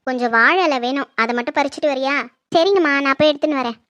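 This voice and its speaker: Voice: high-pitched, quick pace, fairly bright tone, no room sound. A creator acting family members in homely, chatty scenes of a comedy skit.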